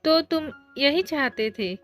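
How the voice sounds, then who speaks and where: A woman's voice: high voice, measured pace, a bit bright, faint music behind, voice pushed up. A woman voicing Mu, a flustered teenage girl. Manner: indignant, easily embarrassed retorts.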